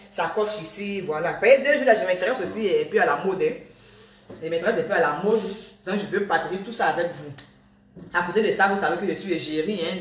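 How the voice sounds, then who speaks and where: Young woman, casual live-stream talker, animated and repetitive; echoey room, phone mic at a distance. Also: mid-range voice. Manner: animated, repetitive, scolding then laughing. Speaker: social media personality. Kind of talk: casual live video to followers. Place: at home, indoors.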